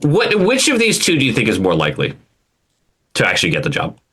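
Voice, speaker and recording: A man co-hosting a sports podcast in casual chat, animated and quick to laugh, often restarting his sentences. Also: fairly low pitch, breathy edge. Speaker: podcast co-host.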